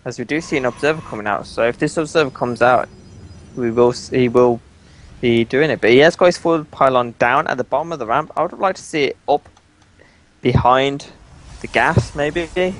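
A man's voice: mid-range voice, a little fast. A man casting a live video game match as play-by-play commentator, narrating each move. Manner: play-by-play, repeats "as we do see". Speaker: esports caster.

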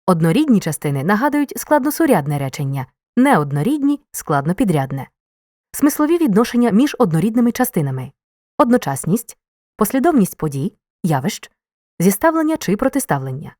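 A woman narrating a scripted grammar lesson, reading example sentences in a clear, measured way with marked intonation. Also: mid-range voice, sing-song, darkish tone, no echo, clean studio sound.

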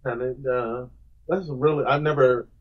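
A man's voice: mid-range voice, steady tone, a little slow. A man guest on a podcast, talking in an earnest, reflective, rambling way with restarts. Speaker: podcast guest, comic creator. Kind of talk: casual podcast conversation. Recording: muffled lo-fi audio.

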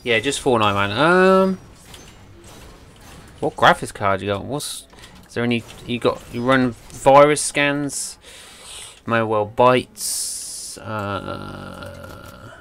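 A man's voice: on the low side, takes it slowly, vocal fry. A man streaming a game live, chatting casually and calling people mate and bro. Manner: relaxed, chummy, calls people mate and bro. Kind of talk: casual gaming chat.

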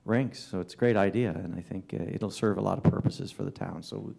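Male councillor, dark, mellow timbre, halting report full of fillers. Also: deep voice, gravelly. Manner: halting, with many fillers and restarts. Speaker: town councillor giving a report. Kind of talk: formal council report with ad-libbed remarks. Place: council chamber.

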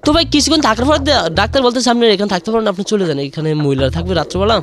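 A young Bangladeshi man calls into a radio show to share a confession, rambling through an emotional personal story. His voice is high, a bit bright, very animated, and racing, and he says "brother" again and again.

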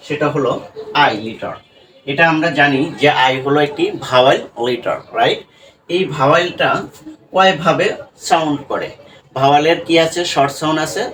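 Distant, higher-voiced male English tutor. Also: moderate pace, fairly bright tone. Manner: repetitive question-and-answer teaching, frequent tag "right?". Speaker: English teacher. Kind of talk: classroom-style spoken lesson. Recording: distant mic with faint room noise.

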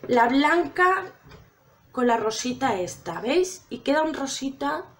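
A woman's voice: high-pitched, very animated, slow, fairly bright tone. A woman chatting casually to her viewers while trying out makeup. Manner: chatty, addresses viewers directly. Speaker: makeup vlogger.

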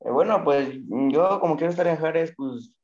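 A teenage boy, a student, talking in a nervous, halting way with fillers on a video call. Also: a little high, darkish tone, highs cut off. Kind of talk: casual talk on a video call.

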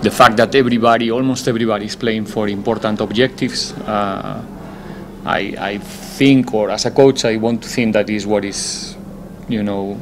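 Amid a noisy background, a football head coach speaking on the low side fields questions from the press. He is measured and deliberate, often pausing as he looks for his words.

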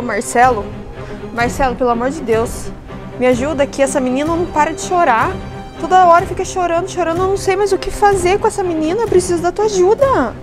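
An actress playing a scheming mother who taunts her daughter and fakes panic to her ex. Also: very high voice. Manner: mocking, then fakes panic on the phone. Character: manipulative mother, adult woman, scheming. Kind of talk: melodramatic short-drama acting.

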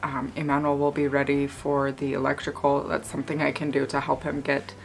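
A woman's voice: extremely low pitch, monotone, fairly quick, gravelly. A woman in her thirties chatting to a close handheld camera in an attic under renovation, upbeat and thinking aloud. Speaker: vlogger renovating a house. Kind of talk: casual chat to camera. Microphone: handheld camera held close.

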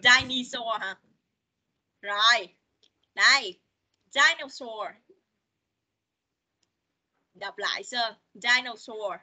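A woman, an English teacher on a video call, patiently coaxing children and modeling words slowly for them to repeat. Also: a little high, pushed and bright. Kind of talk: online English lesson for children.

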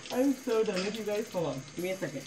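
A woman's voice: mid-range voice, noisy background. A young woman chatting casually on a livestream from her kitchen into a phone, rambling with constant "like" fillers and blunt swearing.

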